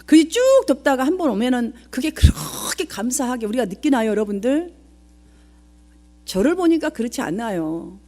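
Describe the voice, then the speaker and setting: Middle-aged woman pastor, earnest sermon delivery, high and animated voice, keeps asking the congregation questions. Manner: earnest preaching, often asks the congregation questions.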